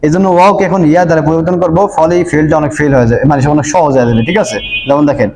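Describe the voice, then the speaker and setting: High-voiced man teaching grammar step by step. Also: steady tone, darkish tone, reverberant, low-quality recording. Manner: explains step by step, often checks in with listeners; drawls example words slowly. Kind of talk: recorded grammar lesson.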